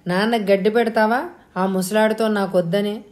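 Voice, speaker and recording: A woman reading an audio novel, voicing a quick-tempered, scornful elder sister who shouts at her younger sibling. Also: medium pitch, steady tone, lightly acted. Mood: mocking.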